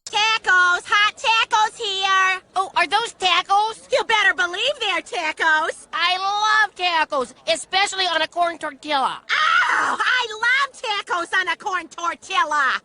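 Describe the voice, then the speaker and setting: A man putting on shrill, high falsetto voices for an overexcited taco vendor and customer, shouting with glee. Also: a little slow, few pauses, noisy background. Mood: giddy shouting.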